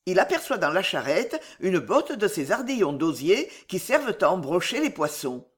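A storyteller reading a medieval fox fable aloud in a steady, expressive way. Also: mid-range voice, normal speed.

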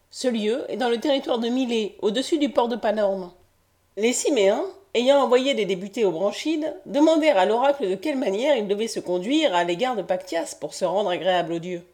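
A woman with a fairly high voice reads a classical history text aloud. Her narration is measured and formal, in the manner of an audiobook. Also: darkish tone. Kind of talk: scripted narration of ancient history.

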